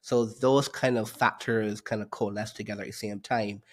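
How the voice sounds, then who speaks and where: A man from Barbados, a guest economist on a podcast interview, explaining his views in a measured way with frequent fillers. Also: on the low side, fairly even intonation.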